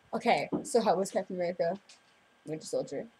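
A woman's voice: lowish voice, expressive, normal speed, darkish tone, husky, low-quality recording. A teenage girl hosting a casual vlog, bubbly and giggly, rambling between topics. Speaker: vlog host. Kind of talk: casual chat.

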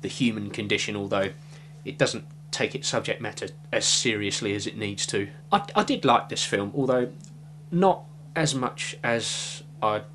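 A man's voice: fairly low pitch, moderate pace, fairly bright tone, a little hiss or hum. Young man reviewing films at a webcam. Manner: rambling, hedging with fillers, gesturing. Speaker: film reviewer. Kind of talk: casual film review to camera. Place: small room with shelves of films, indoors. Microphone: webcam at desk.

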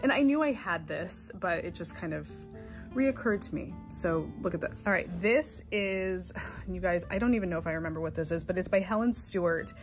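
A woman's voice: lowish voice, lively intonation, moderate pace, over music. Woman chatting into a distant phone. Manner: chatty, gushing, trailing off mid-sentence. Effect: recorded on a phone, a bit distant and quieter. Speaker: knitting podcast host. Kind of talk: casual show-and-tell chat. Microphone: phone camera held at a distance.

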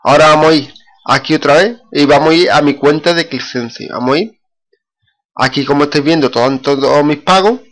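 A man's voice: fairly high pitch, fairly quick, a bit bright. A man with a Spanish accent casually talking through his screen recording, with many fillers and restarts. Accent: Spain. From Spain. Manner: repetitive, frequent fillers and restarts. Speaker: screencast vlogger.

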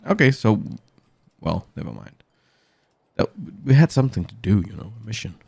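A man's voice: lowish voice, very animated, normal speed, creaky, a little mellow, slightly rough, no room sound. A man rambling chattily to his viewers during a casual live game stream, speaking into a studio mic through a mixer. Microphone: studio mic through an audio mixer.

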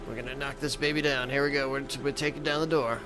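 A man delivers sarcastic, joking commentary over a video game. His voice sits at an average pitch, and music plays clearly behind him as he mocks what he sees. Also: fairly even intonation, quick pace. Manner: sarcastic, mocking.

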